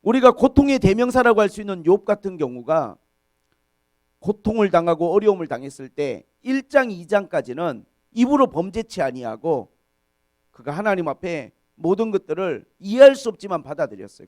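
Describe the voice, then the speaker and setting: Expressive high-voiced male pastor preaching. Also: normal speed, no room sound. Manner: expressive preaching, voice rising sharply on emphasis. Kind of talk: sermon. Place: church.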